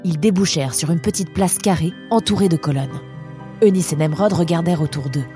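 A woman narrating a storybook in a steady, even storytelling manner. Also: fairly low pitch, fairly quick, soft background music.

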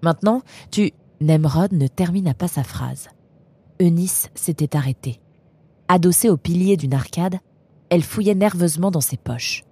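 A woman narrating a storybook in a steady, even storytelling manner. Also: lowish voice, normal speed, breathy edge, no room sound.

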